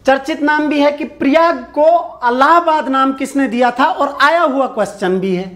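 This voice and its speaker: In an online exam-prep lecture, a male teacher talks at a moderate pace with a very high-pitched voice that sounds pushed and bright. He raises questions, answers them, and goes over key points again, urging viewers to comment their answers.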